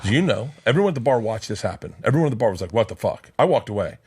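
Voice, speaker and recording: A man in his fifties telling a story in a casual podcast chat, fast, profane and worked up, acting out the people in it. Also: mid-range voice, sing-song, darkish tone, slightly rough. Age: 50s. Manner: fast, profane, worked-up retelling with quoted voices.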